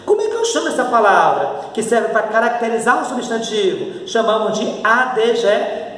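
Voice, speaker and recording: A man's voice: very high-pitched, very animated, a bit bright, husky. A male teacher with a Brazilian Portuguese accent giving a grammar video lesson, explaining patiently and checking in with his students as he goes. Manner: explanatory, checks in with "tá?" and "né?", spells out letters slowly.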